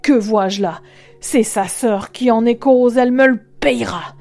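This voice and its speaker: A woman reading a storybook, voicing a harsh, grasping mother with a loud, sharp, demanding voice. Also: fairly high pitch, animated, a little slow, soft background music. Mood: furious.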